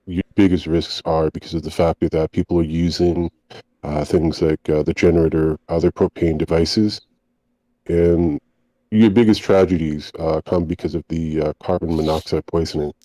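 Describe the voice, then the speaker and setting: Deep, dark-voiced man, hesitant. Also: fairly even intonation, moderate pace, no room sound, rough recording. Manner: hesitant, many uh fillers. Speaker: podcast co-host. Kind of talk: casual podcast chat.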